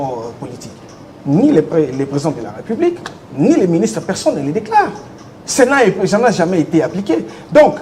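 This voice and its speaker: A man's voice: high-pitched, warm tone, a little hiss or hum. A man from the Democratic Republic of the Congo, answering interview questions insistently with rhetorical questions. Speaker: interviewee, legal commentator.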